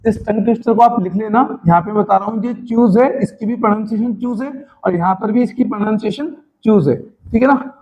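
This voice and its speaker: An Indian man teaching a spoken English class in Hindi, slowly drilling tongue twisters and encouraging his students like a caring teacher. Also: sits high, dull audio. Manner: addresses students as "beta", encouraging.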